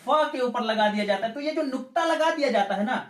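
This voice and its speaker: A man's voice: extremely high pitch, animated, fairly quick, fairly bright tone. A man teaching an exam-prep grammar lecture, explaining step by step, asking rhetorical questions and checking in with his students. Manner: repeats points and checks in with "ठीक है". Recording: echoey room.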